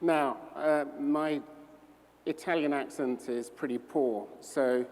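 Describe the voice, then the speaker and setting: Male moderator, halting intro, mellow tone, echoing hall. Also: a little high, steady tone. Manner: halting, self-deprecating. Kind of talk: introducing a speaker. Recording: reverberant hall.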